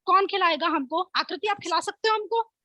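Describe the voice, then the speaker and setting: A woman teaching an online class through a playful word game, encouraging her pupils and drilling words slowly and clearly. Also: very high voice, sharp tone, no room sound. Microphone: video call.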